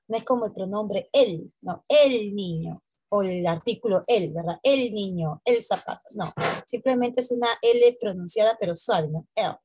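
A woman, a native Spanish speaker, gives an English pronunciation lesson. Her voice sits a little high and has a husky, breathy edge. She speaks slowly and repeats each letter sound, and the sound is close and dry. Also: darkish tone, dry recording. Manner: slow, drawn-out letter sounds, tags lines with "¿no?". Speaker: English teacher.

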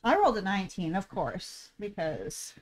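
A woman's voice: mid-range voice, sing-song, normal speed, a crowd in the background. A woman playing a tabletop game, speaking in a playful way. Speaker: player.

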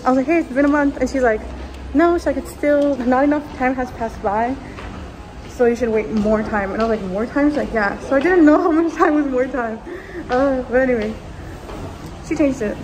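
Holding the camera at arm's length, a young woman in her twenties vlogs her way from her home kitchen to the streets, a subway station and shops. Her high-pitched voice moves fairly quickly, giggling and packed with fillers, with background noise behind her.

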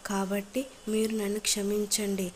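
A remorseful young police officer pleads for forgiveness, read out by a woman narrating a soap recap. The delivery stays flat and even, with little rise or fall, over a faint hiss. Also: medium pitch, moderate pace, natural voice. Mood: pleading. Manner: pleading, apologetic.

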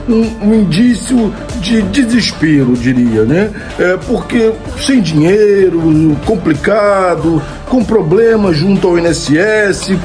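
A Brazilian comedy content creator in his fifties answers viewer questions in a casual Q&A monologue from a room at home. He's chatty and high-pitched with a Brazilian Portuguese accent, laughing at his own jokes and tacking on "né?" again and again. An old phone camera captures him in close framing.

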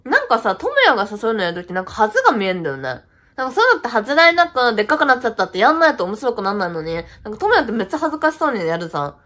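Sketch role: actress as a lively, blunt young ex-host-club regular, casual and slangy. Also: female voice, fairly high pitch, very fast. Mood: teasing. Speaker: comedy sketch actor. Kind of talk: comedy sketch dialogue.

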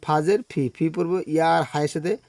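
A man teaching Quran reading, spelling out each syllable and then chanting the joined words in long, drawn-out tones. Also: a little high, steady tone, a little mellow, dry recording.

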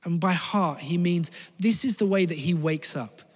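A male pastor with a fairly high voice delivers an earnest sermon, returning again and again to the same phrases for emphasis. His words ring out with a long reverb tail in a large church hall. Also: measured pace, slightly rough.

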